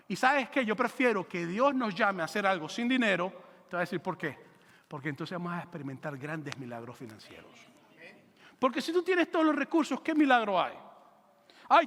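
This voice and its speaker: Animated pastor preaching. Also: male voice, high-pitched, long reverb tail. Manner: lively, joking, animated preaching. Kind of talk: sermon. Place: church auditorium. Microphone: handheld microphone.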